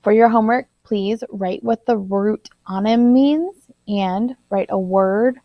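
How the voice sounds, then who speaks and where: A woman teacher recording a vocabulary lesson, slowly enunciating and spelling out words. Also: mid-range voice, no echo. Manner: slow, deliberate word-by-word spelling and enunciation. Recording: dull lo-fi recording.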